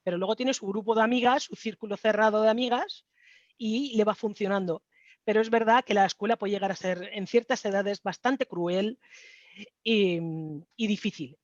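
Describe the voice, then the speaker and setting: A woman's voice: medium pitch, steady tone, normal speed, no echo. A woman talks on a panel about her daughter's experience, earnest and full of small fillers. Her voice sits in a middling register. The sound is dry and dull, with no room around it. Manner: earnest, conversational, with many fillers. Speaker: mother of a child with a rheumatic disease. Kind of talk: round-table discussion.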